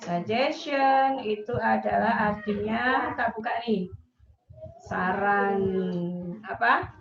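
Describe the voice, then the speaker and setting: Slow, patient woman English teacher. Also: fairly high pitch, creaky. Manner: patient, repeats words for pronunciation drills. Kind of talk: online class lesson. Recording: echoey, dull, noisy online recording.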